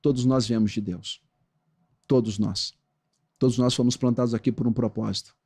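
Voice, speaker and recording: A Brazilian man, a pastor who once played football, talking in a podcast interview with an animated preaching cadence. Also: mid-range voice, moderate pace, breathy edge.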